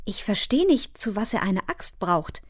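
A woman doing a shrill, tearful little farm girl. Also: sing-song, measured pace, dry recording, studio quality. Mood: puzzled. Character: upset eight-year-old farm girl.

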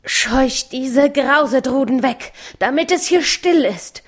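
A woman voicing a commanding robber's wife in labor in a storybook reading, sharp and bossy. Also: high voice, animated, slow, pitched above the performer's own voice, exaggerated voice. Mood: irritated. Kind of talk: audiobook reading.

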